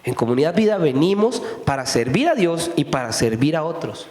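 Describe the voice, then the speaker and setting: A man's voice: fairly high pitch, big pitch swings, moderate pace, a little mellow. A man preaching a sermon in a conversational way, firing off rhetorical questions at his listeners. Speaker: pastor. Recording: echoey hall with long reverb.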